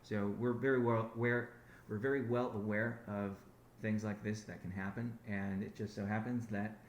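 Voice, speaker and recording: A company founder on a conference call gives a rambling business update, his lowish voice moving at a moderate pace with fairly even intonation. He keeps correcting himself and restarting sentences. The audio is lo-fi and roomy, with slight background noise.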